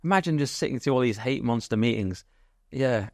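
A man co-hosting a political chat podcast, riffing in a jokey, animated way. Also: mid-range voice, fairly quick, no room sound, studio quality. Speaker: podcast co-host.

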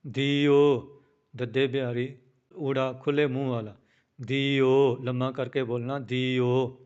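A man with a Punjabi accent leads a recitation lesson, drawing out each verse in a slow chant before switching to brisk spoken spelling notes. His voice is smooth and resonant at a mid pitch. The recording is a little dull and lo-fi. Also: flat delivery, a little mellow. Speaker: scripture recitation teacher.

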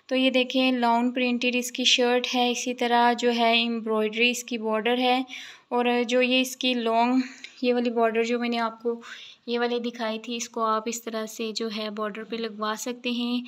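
A woman talking through an unboxing of a dress set, chatty and enthusiastic as she shows each piece. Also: a little high. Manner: chatty, enthusiastic sales talk. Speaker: fashion vlogger. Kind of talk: product unboxing voice-over.

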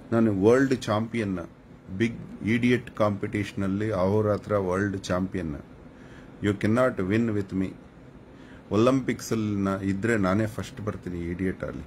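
A man's voice: on the low side, a little mellow, slight background noise. A man hosting a live stream, lecturing his viewers in a preachy, scolding and mocking way. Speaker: channel host giving advice on a live stream.

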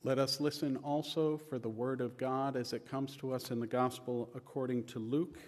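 A male pastor reading scripture aloud in a church service, slow and measured with lifted emphasis. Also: mid-range voice, steady tone. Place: church sanctuary. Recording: long reverb of a church sanctuary.

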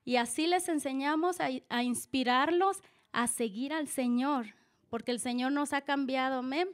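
A woman's voice: high voice, normal speed. A woman speaking earnestly at a church service, giving a conversational sermon-style testimony with frequent restarts.

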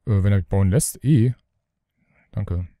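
A man's voice: fairly low pitch, measured pace, mellow, no room sound, studio quality. A man hosting a let's play, chatting casually and grumbling to himself as he builds. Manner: rambling, grumbles to himself, mutters asides. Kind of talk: casual gaming commentary.

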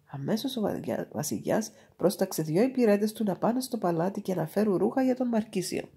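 A woman reading a fairy tale aloud in a calm, measured storytelling manner. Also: mid-range voice, vocal fry.

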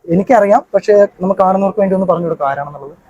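Fast-talking coaxing male hypnotist. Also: high-pitched, a little mellow, lo-fi sound. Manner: coaxing, repeats commands over and over. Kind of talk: street hypnosis demonstration.

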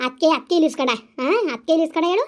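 A woman's voice: very high-pitched, racing. A woman playing a furious village mother-in-law who curses and repeats insults. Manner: loud, cursing, repeating insults. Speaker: village skit actor. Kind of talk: village comedy skit acting.

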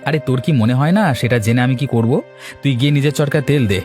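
A man's voice: mid-range voice, quick pace, darkish tone, faint music behind, lightly acted. A man voicing a hot-tempered newly married young man in a cartoon, blunt and angry. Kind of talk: cartoon voice acting.

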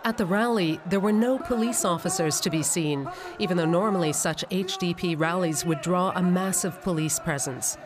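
A documentary narrator reading a calm, even, scripted narration. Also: mid-range voice, moderate pace, few pauses. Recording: narration over music and crowd noise.

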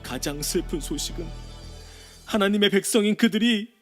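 A sorrowful biblical leader, voiced by a man, speaks in a high, earnest voice over soft background music. He talks slowly and carefully, as in a children's Bible story recording. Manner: earnest, slow storytelling; loud pleading prayer.

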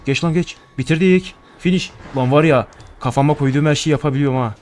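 A man's voice: on the high side, quick pace, darkish tone, slight background noise. A young man giving casual horror gameplay commentary, nervous and joking, swearing often as he plays. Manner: jittery, profane, joking to himself. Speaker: gaming streamer.

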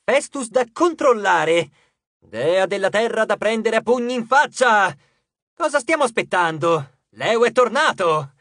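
A narrator voicing a brash, joking teenage boy who talks loudly with forced cheer in an audiobook. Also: medium pitch, sing-song, moderate pace, slightly rough, no echo, clean studio sound. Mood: esuberante.

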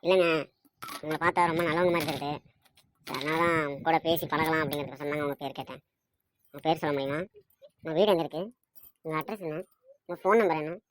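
A woman's voice: sits low, steady tone, fast, pauses often, natural voice. A woman voicing a cocky young man who brags and teases in a cartoon. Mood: wheedling. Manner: brash, boastful, mocking. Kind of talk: cartoon voice acting.

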